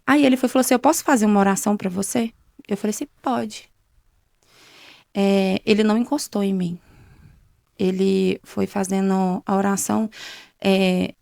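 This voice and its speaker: On a faith show, a young adult woman guest shares her personal testimony, acting out quoted exchanges conversationally as she retells events. Her medium-pitched voice is creaky with a darkish tone, captured in studio quality with no room sound.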